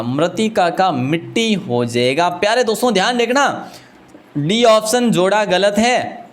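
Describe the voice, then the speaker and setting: A man with a Rajasthani Hindi accent teaching a live online exam-prep class, chatty and joking as he talks to his students. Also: sits high. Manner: chatty and joking, often addresses students as friends.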